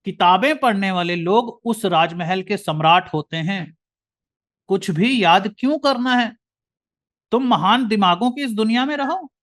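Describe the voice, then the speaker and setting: A man's voice: high-pitched, animated, measured pace, fairly bright tone. A man with an Indian accent giving an earnest lecture, often calling the listener brother. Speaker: motivational speaker.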